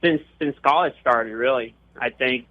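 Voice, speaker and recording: A man's voice: medium pitch, moderate pace. Young man on a tinny line. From Puerto Rico. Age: young adult. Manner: hesitant, with frequent restarts and fillers. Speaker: interviewee. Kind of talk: casual personal storytelling. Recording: tinny phone-like line with faint guitar music.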